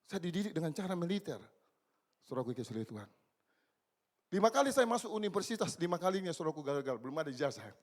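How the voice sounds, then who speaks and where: A man in his sixties preaching a church sermon, swinging between loud exclamations and low, quiet asides. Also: big pitch swings, rapid-fire. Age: 60s. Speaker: pastor. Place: church service.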